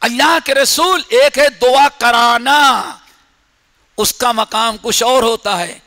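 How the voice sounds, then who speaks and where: High-voiced preacher in an echoey mosque. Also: male voice, vocal fry. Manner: dramatic storytelling, swinging from whispers to shouts. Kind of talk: sermon. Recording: echoey hall reverb.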